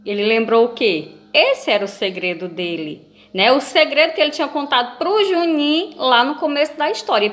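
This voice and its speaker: Brazilian woman teaching kids, fairly high. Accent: Brazilian Portuguese. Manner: patient and lively, asking children questions. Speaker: primary school teacher. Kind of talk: reading a comic aloud in a video lesson.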